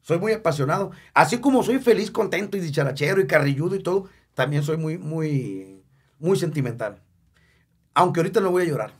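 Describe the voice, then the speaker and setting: A man's voice: fairly high pitch, lively intonation, a little fast, husky. A Mexican singer in his fifties, a guest in a casual interview, talking candidly and emotionally, joking and repeating words for emphasis. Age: 50s.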